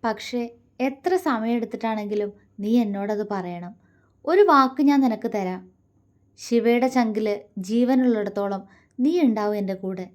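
A woman's voice: a little high, unhurried, pauses often, lightly acted. A woman voicing a tender, protective young man who coaxes and comforts his lover. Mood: tender firm. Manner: soft, affectionate, coaxing.

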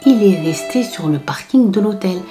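With music in the background, a woman vlogger with a medium-pitched voice tells a story at normal speed in a casual storytime style. She's animated, imitating the people she quotes and whispering her asides.

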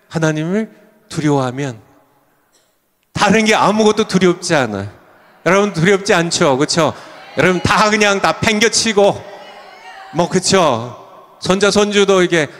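An older man preaching a revival sermon as a pastor, shouting some lines with fervor and dropping to a low voice for others, chuckling now and then. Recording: long hall reverb.

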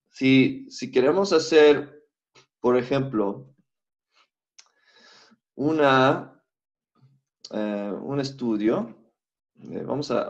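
A man teaching a live Hebrew class online, walking students through software on a shared screen and thinking aloud as he goes. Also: medium pitch. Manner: unhurried, thinks aloud with fillers. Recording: slightly dull lo-fi audio.

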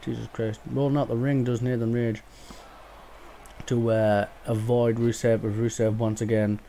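A man's voice: mid-range voice, level tone, moderate pace, dark tone, a little hiss or hum. A man giving casual, swear-laden play-by-play commentary over a wrestling video game, rambling with fillers. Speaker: gaming YouTuber.

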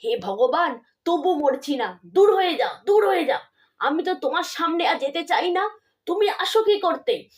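A woman voicing a distraught, mentally unwell older mother who lashes out bitterly in a Bengali audio story, her voice high and accusing. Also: very animated, measured pace, exaggerated voice. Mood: shrill, agitated. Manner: shrill, accusing outbursts.

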